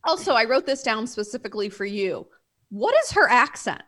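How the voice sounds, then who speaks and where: Young woman, higher-pitched, casual podcast co-host, animated, mimics characters often. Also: moderate pace. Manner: animated, acts out characters' lines with exaggerated voices. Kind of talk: casual movie discussion.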